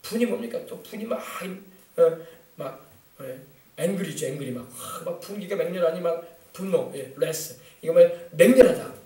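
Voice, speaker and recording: A man preaches with quick, urgent emphasis, prodding his listeners with rhetorical questions. His voice sits high for a man and rings through an echoey sanctuary. He is heard from some distance from the mic. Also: mellow. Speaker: pastor. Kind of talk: sermon. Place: church sanctuary. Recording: echoey church from far off.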